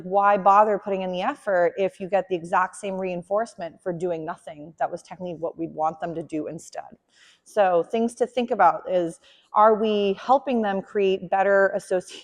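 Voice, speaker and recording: A woman dog trainer giving a hands-on lesson, explaining calmly and softly praising the dog. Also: mid-range voice, normal speed, in a large hall.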